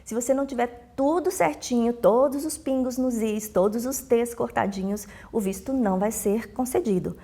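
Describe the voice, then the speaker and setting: A slightly high, warm-toned woman's voice, delivered at normal speed with few pauses and a Brazilian Portuguese accent. She's a consular official giving informal interview answers, emphasizing the rules, repeating the crucial points, and acting out conversations within her anecdotes.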